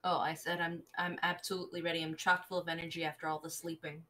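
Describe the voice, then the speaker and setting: A woman's voice: fairly low pitch, little pitch movement, fast talker, sharp tone, a little hiss or hum. A woman player chatting cheerfully during a tabletop game.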